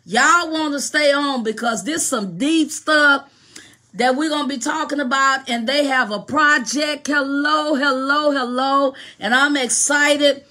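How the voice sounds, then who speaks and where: A woman hosting a live radio podcast over her phone, greeting viewers by name with lively, repetitive excitement. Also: high-pitched, a little slow.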